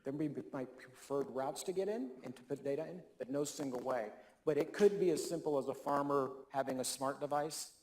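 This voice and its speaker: A man's voice: a little high, brisk, hardly any pauses, darkish tone. A man speaking as a keynote speaker, answering audience questions in an earnest, persuasive way with emphatic stresses, in a conference hall.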